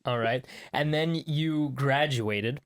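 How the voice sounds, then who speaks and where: Relaxed man hosting an interview. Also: mid-range voice, takes it slowly, smooth. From Canada. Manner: relaxed, conversational, asks long winding questions. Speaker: podcast host. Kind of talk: casual interview conversation.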